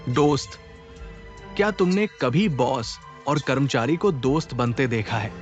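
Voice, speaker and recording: A man's voice: mid-range voice, animated, a little slow, music in the background, natural voice. A man dubbing a stern, aloof young billionaire CEO in a TV drama, speaking curtly and coldly. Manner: curt and cold. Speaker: boss. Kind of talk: Hindi dub of a TV drama.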